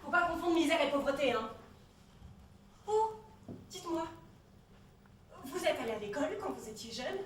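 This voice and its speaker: A haughty Marianne, the Republic in person, lectures her citizens with biting condescension, played by a woman. The voice sits high and is heard from a distance in a roomy, echoing space. Faint noise hums underneath. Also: animated, normal speed, pauses often. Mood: mocking. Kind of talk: comedy sketch.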